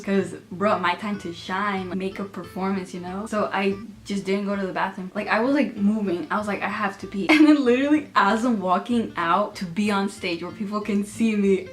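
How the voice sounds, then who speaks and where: Giggly young woman telling stories. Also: medium pitch. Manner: giggly, laughs through her stories, many filler "like"s. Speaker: vlogger. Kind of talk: casual storytelling to camera.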